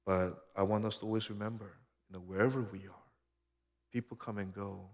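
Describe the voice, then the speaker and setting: Speaking fairly quickly in a fairly low, steady voice, a Korean man of about thirty preaches with earnest, conversational warmth and often falls to a soft hush. His sermon echoes with long hall reverb.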